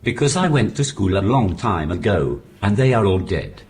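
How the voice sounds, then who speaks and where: Deadpan synthetic voice of a man. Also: fairly low pitch, moderate pace. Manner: flat synthetic speech with deadpan jokes. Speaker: stand-up comedian. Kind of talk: stand-up routine through a text-to-speech communication aid. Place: comedy stage before a live audience. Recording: noisy live venue recording.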